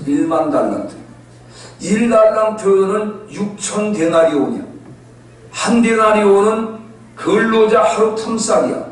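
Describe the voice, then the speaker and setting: A male pastor preaching a sermon, telling stories in a lively way and acting out the voices of the people in them. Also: high voice. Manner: animated storytelling, acting out quoted voices. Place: church sanctuary. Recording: echoey church hall from far off.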